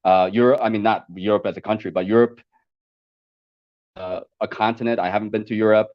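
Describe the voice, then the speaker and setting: A man born in Korea and raised in America, chatting over a call and talking haltingly with many fillers and restarts. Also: lowish voice, fairly even intonation, lo-fi sound. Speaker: podcast guest. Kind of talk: casual chat over a call. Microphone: video call.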